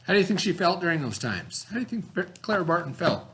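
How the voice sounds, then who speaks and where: With a high voice and a fast pace, a man reads aloud as a teacher would, animated and instructive, quizzing pupils and breaking ideas down simply.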